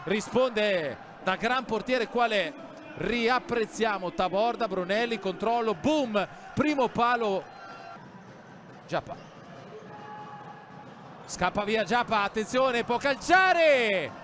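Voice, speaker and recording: Male football commentator, high pitch, excited urgent goal calls, shouted peaks, clear venue noise behind. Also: slow pace, long pauses. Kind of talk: live Italian-style goal commentary, play-by-play. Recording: clearly noisy sports hall ambience.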